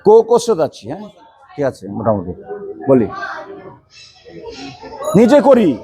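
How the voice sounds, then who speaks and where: A man runs a karate class in a training hall, barking stance names in a high voice. He quizzes the students one by one and pushes them firmly to speak clearly. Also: expressive, normal speed. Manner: loud drill calls, quizzing students, firm coaching. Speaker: karate instructor.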